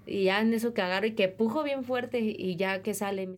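A young Mexican woman with a Mexican accent, quietly and candidly telling her own story in an interview, with many fillers. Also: mid-range voice, brisk. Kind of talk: personal testimony.

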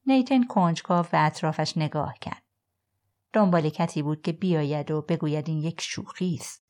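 A woman reads a thriller aloud in a steady, measured narration. Her voice sits on the low side and stays composed. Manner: calm, even storytelling. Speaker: audiobook narrator. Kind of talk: scripted narration.

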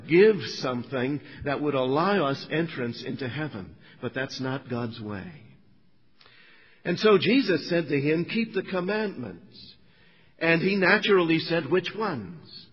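A man's voice: on the high side, animated, measured pace, slightly rough, long reverb tail, muffled recording. A middle-aged man, preaching a sermon and telling his own story to the congregation with earnest asides. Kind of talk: sermon testimony.

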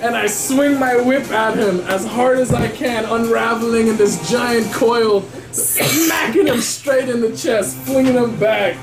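Man, high pitch, game player, casual, playful, descriptive, clear background music. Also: unhurried, few pauses. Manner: playful, vividly descriptive, salty-tongued. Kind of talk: casual game chat and action narration. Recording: roomy echo with background music.

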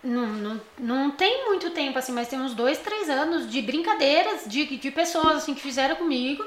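A talkative young Brazilian woman with a high voice, chatting animatedly as a podcast co-host. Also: fairly quick, echoey room. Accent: Brazilian Portuguese. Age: young adult. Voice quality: high-pitched voice. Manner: talkative, animated, laughs often. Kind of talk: casual chat.

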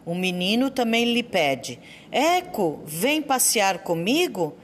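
Slow, lively woman reading poems. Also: mid-range voice, a little hiss or hum. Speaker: school library assistant. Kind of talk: reading children's poems aloud.

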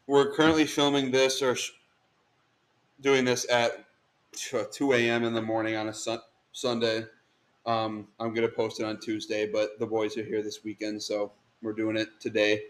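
A man's voice: on the low side, monotone, normal speed, echoey room. A young man hosting a casual podcast chat with friends late at night, teasing and laid-back, with the hiccups. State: has the hiccups. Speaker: podcast host.

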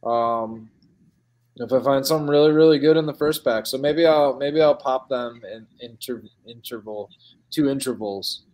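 A man's voice: medium pitch, moderate pace, a little mellow. A man with a Midwestern American accent hosting a casual podcast chat, rambling with plenty of fillers and calling people dude and man.

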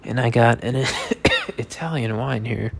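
A man's voice: mid-range voice, steady tone, unhurried, vocal fry, a little hiss or hum. A man in his thirties, a little drunk, rambling through a loose, joking monologue full of swearing. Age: 30s. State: tipsy.

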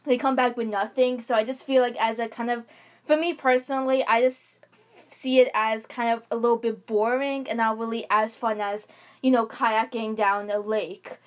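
A young woman in casual chat, co-hosting and calmly explaining her views at length. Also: a little high, moderate pace.

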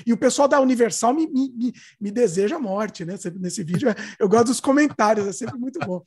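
A man's voice: very high voice, fairly quick, a little mellow, slightly rough. A man with a Brazilian accent hosting his channel, talking enthusiastically, jumping in and repeating words for emphasis. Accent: Brazilian Portuguese. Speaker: host of an online channel. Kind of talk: casual conversation.

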